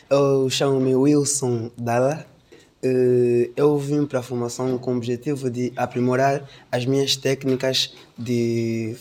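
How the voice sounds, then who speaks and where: A man's voice: mid-range voice, darkish tone. A man introducing himself politely to a workshop. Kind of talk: self-introduction.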